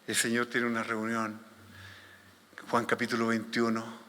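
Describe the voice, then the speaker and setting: A man preaching a conference sermon, swinging between loud fervent pleading and hushed, tender scripture reading. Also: mid-range voice, completely flat delivery, measured pace. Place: conference hall. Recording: long hall reverb.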